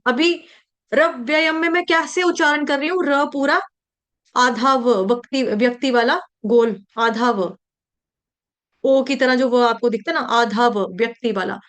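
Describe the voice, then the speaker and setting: An Indian woman teaching chant recitation, drilling words slowly and repeating each syllable, then explaining the rules briskly. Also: high-pitched, fairly bright tone. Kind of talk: slow syllable-by-syllable recitation lesson.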